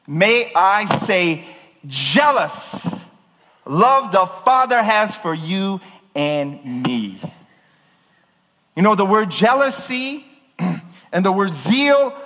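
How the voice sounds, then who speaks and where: A pastor delivers a sermon with fervent, emphatic force, his fairly high voice swinging widely up and down. A long reverb carries his words through a large church, and he bears down hard on key words, almost yelling.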